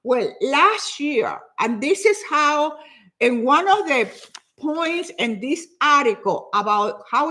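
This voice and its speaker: An older woman in her seventies, Spanish by first language, speaks to her online viewers in a high voice whose pitch swings widely. She takes her time and often doubles back on her words. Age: 70s. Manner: lively, repeats herself, says she talks fast. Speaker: fitness speaker. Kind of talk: casual talk to viewers.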